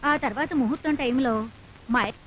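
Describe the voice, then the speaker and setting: A worried middle-aged mother, voiced by a woman in an old film. She pleads and coaxes her husband, and her voice sits high. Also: fairly quick, lo-fi sound, slight background noise, lightly acted. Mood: pleading. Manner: anxious, pleading. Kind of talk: 1970s film acting.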